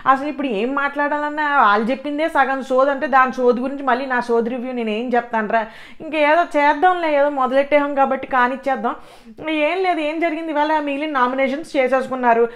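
A woman's voice: high-pitched, steady tone, fast talker, fairly bright tone. A woman giving a casual spoken review of a reality show in a blunt, scoffing, chatty way.

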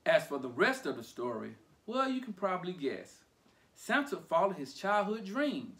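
A man reading a children's picture book aloud for storytime, playful and animated. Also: sits high, moderate pace.

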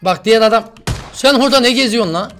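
A man hosting a gaming video, reading a sponsor spot and then loudly teasing and bossing his teammates during play. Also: very high-pitched, quick pace, a little hiss or hum. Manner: loud, teasing, bossy with teammates. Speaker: gaming YouTuber host. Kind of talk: sponsor read and gameplay commentary.

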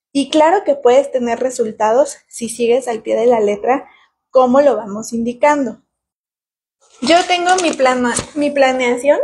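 Mexican woman in her 30s, high husky voice, persuasive team-leader sales pitch straight to a phone camera. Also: darkish tone. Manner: persuasive, explains step by step with hand gestures. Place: small indoor room with tiled wall. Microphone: phone camera at arm's length.

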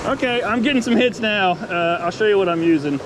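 A man vlogging while fly fishing by a mountain creek, talking casually to the camera and getting excited and repeating himself when a fish bites. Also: high voice. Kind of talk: casual outdoor narration. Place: outdoors by a rushing mountain creek. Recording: outdoor recording with loud stream noise. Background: rushing stream water.

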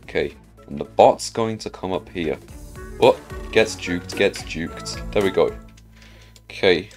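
A low-voiced man hosts a gaming video at an easy pace, casually remarking on his play and muttering questions to himself. Music runs underneath, and his tone is somewhat dark.

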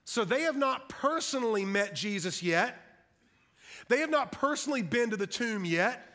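A man's voice: very high-pitched, animated, normal speed, bright, forceful tone. A middle-aged man preaching an impassioned, fired-up sermon.

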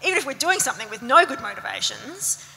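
Chatty woman, bright creaky voice. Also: sits high, big pitch swings, fast. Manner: chatty storytelling with fillers. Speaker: climate scientist panellist. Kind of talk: panel discussion answer. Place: stage of an event hall. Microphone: handheld mic. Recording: long reverb of a hall.

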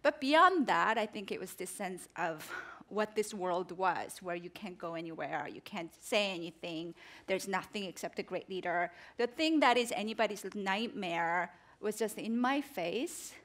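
A woman's voice: mid-range voice, expressive, measured pace, a bit bright. A South Korea-born woman in her forties, speaking earnestly in an onstage interview with fillers and restarts. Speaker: guest author. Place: large theater stage with audience. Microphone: headset mic.

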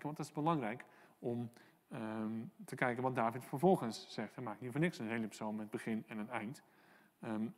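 A man preaching a sermon as pastor, earnest and encouraging, pausing often with "eh" and "ehm" and reading out prayers from the psalm. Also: mid-range voice, big-room sound. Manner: earnest, encouraging, many hesitations and quoted prayers. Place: church hall.

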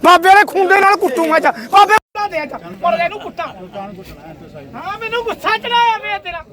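A man with a Punjabi accent brokering loudly at an outdoor livestock market, with theatrical, teasing, rhyming banter. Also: extremely high pitch, fast. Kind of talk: loud haggling banter at a market. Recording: busy outdoor market crowd and vehicles.

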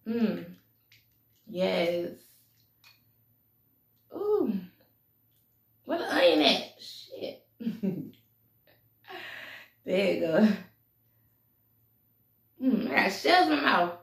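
Woman vlogger, gravelly, mic a little off, roomy echo; casual chat with humming between bites. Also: mid-range voice, sing-song, drawn-out words, long pauses, far from the mic. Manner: chatty, laughing between bites, lots of mm sounds. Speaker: mukbang vlogger. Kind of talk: casual eating vlog chat. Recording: echoey room, voice a bit off-mic.

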